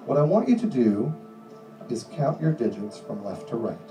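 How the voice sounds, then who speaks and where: Recorded from the audience by a distant camera, a middle-aged comedy hypnotist on a small club stage gives firm, repetitive suggestions phrase by phrase. His medium-pitched, sing-song, dark voice runs through a handheld mic and an echoey PA, with music playing.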